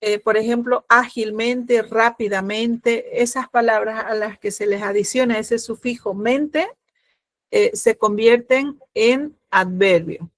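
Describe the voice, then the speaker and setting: A middle-aged woman teaches grammar, explaining with patience, pausing often with fillers, and checking that her students keep up. Her pitch is fairly high and the recording has no echo.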